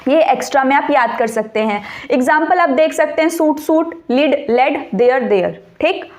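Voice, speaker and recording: A woman teaching an exam-prep grammar lesson, mixing English terms into her explanations and turning key points into quick questions for the viewer. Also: high-pitched.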